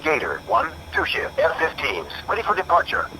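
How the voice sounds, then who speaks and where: A man's voice: a little high, wildly swooping pitch, normal speed, gravelly, bright, forceful tone, full character voice. A man voicing a terse military air traffic controller and pilot, speaking over an aircraft radio in clipped phrases. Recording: noisy in-game radio audio.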